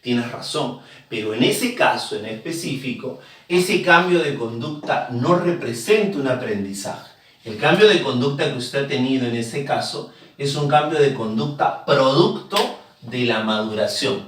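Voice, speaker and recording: A man's voice: medium pitch, animated, measured pace, a bit bright. A man teaching a psychology class, explaining with everyday examples and constant rhetorical check-ins. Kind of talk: classroom lecture. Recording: very echoey room, distant mic.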